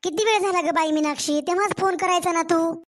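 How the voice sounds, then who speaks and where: A woman's voice: very high voice, fairly quick. A woman voicing a fussy middle-aged village mother and doting grandmother, fond and grumbling, with a Marathwada Marathi accent, for a cartoon family story.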